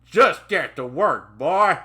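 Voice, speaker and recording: A man voicing Ray, an angry southern store trainer, with a growling, yelling delivery and a Southern US accent. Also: fairly high pitch, lively intonation, normal speed, pitched above the performer's own voice. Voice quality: growling, shouting.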